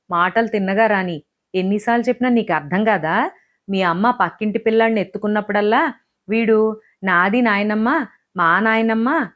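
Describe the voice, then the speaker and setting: A woman voicing a quick-tempered young wife in an audiobook, sarcastic and snapping. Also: mid-range voice, lightly acted. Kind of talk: audiobook character voice.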